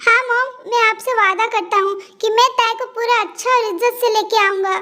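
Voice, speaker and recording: A woman's voice: very high voice, steady tone, fairly quick, bright, forceful tone. A woman voicing a remorseful young husband who pleads stubbornly, in a fan-dubbed romance story.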